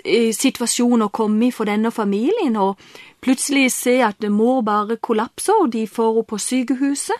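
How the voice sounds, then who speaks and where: A woman's voice: fairly high pitch, no room sound, clean studio sound. A woman telling a personal faith story as an interview guest, earnest and full of fillers, acting out her own prayers as she goes. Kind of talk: personal testimony in conversation.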